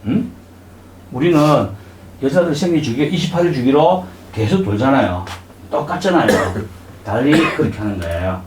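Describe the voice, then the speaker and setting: A man's voice: mid-range voice, animated, moderate pace, echoey room, noisy background. A middle-aged man, giving a live lecture to a class. He keeps putting questions to the class and acting out little voices. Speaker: saju lecturer. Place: lecture room with audience.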